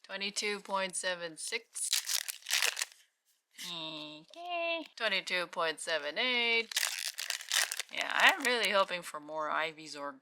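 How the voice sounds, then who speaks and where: A woman giving casual, unscripted commentary as a card-opening host, moving between quiet murmurs and louder exclamations. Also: on the low side, big pitch swings, slow, long pauses, heavy background noise.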